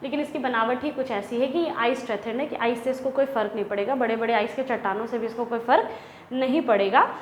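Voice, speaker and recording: A young woman teaching an English lesson. She reads English lines slowly and deliberately, then explains them in Hindi. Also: on the high side. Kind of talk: classroom lesson explaining a textbook chapter. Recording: echoey room with faint ambient noise.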